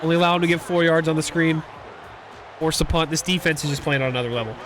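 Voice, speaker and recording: A young man giving casual, excitable commentary while playing a football video game, rambling and reacting loudly to big plays. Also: on the high side, fast talker, crowd noise. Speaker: gaming YouTuber.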